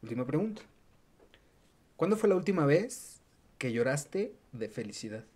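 A woman's voice: low-pitched, very animated, normal speed, darkish tone, husky. A woman with a Mexican accent hosting a podcast, musing aloud and chatting casually with her guest. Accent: Mexican Spanish. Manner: reflective, chatty, muses aloud. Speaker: podcast host.

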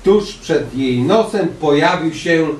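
A man reading a children's story aloud to children with lively, expressive storytelling. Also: a little high, slow. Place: library hall with children. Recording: echoey hall, distant mic, faint noise.

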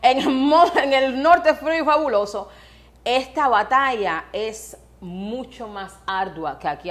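Cuban woman guest, Cuban-accented, expressive and chatty in a casual interview. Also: fairly low pitch. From Cuba. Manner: animated, laughs often, acts out scenes.

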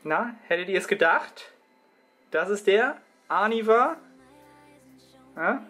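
A young man chatting excitedly in a casual fitness vlog from a small apartment room. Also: sits high, takes it slowly, faint music behind. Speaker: fitness vlogger.

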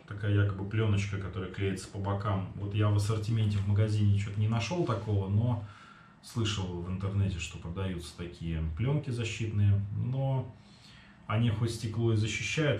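A man's voice: fairly low pitch, a little mellow. Male reviewer, forties, casual and matter-of-fact, echoey kitchen sound with faint noise. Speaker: product reviewer. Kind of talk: casual explanatory product review. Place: small home kitchen, indoors. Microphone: camera across the table. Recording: roomy echo, distant mic, faint noise.

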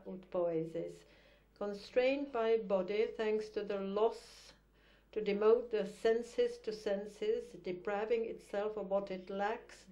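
A woman introduces a poem at a slow, unhurried pace and pauses on fillers as she explains its title. She then reads the verse aloud with careful attention. Her voice sits at an ordinary middle pitch. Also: dark tone, muffled recording. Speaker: poetry reader. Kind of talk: introducing and reading poetry aloud.

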